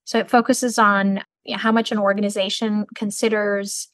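This middle-aged woman from Turkey, dean of a business school, responds to interview questions with measured, articulate explanations. She speaks at a medium pitch with flat delivery, and the recording is dry.

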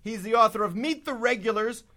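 Man, fairly high pitch, talk radio host, brash, emphatic. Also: a little fast, sharp tone. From Brooklyn. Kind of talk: radio talk and live ad reads.

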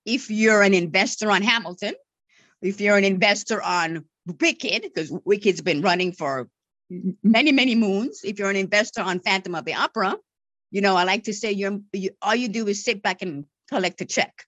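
This podcast guest, who directs marketing and media relations, stutters and repeats words while patiently answering interview questions, frequently asking "right?". She speaks in a mid-range, fairly bright voice at normal speed, with no echo.

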